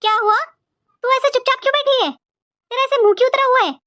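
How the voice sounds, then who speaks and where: A woman voicing a caring, worried middle-aged mother in a cartoon, gentle and fretful. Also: extremely high pitch, a little fast, no echo.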